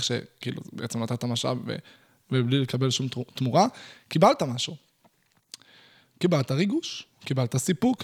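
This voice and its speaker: A young man talking casually about self-help, blunt and animated, using crude slang and acting out his own inner dialogue. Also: a little high. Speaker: podcast host.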